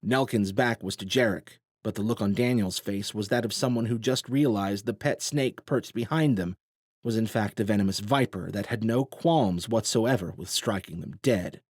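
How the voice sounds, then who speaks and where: A man narrating a novel in a steady, measured way. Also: fairly low pitch, husky, no echo, studio quality. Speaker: audiobook narrator. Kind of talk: scripted narration.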